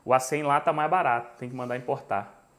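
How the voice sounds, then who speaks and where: On a lapel mic, a cooking show host in his forties with a Brazilian Portuguese accent streams live from his home kitchen. His voice is mid-range and brisk as he chats and jokes with viewers and tells animated stories.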